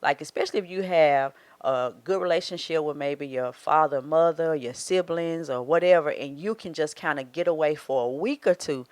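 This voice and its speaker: A woman's voice: deep voice, moderate pace, hardly any pauses, darkish tone, dry recording. A woman in her forties with a Southern US accent, a marriage coach giving earnest advice in a casual podcast chat. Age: 40s. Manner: earnest, advising, acts out quoted thoughts. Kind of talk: casual faith-based podcast talk.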